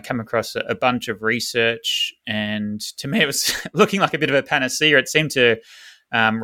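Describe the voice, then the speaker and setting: A man with a bright, forceful voice hosting a podcast interview, recorded dry and close. He asks his questions haltingly, stopping and restarting often. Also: medium pitch, no room sound. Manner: hesitant, many fillers and restarts. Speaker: podcast host.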